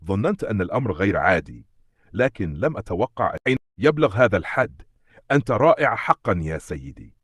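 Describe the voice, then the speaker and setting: A man's voice: fairly low pitch, very animated, a little fast, a bit bright, slightly rough, no echo, clean studio sound, exaggerated voice. A man voicing a young male soldier who speaks with sincere admiration. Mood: admiring.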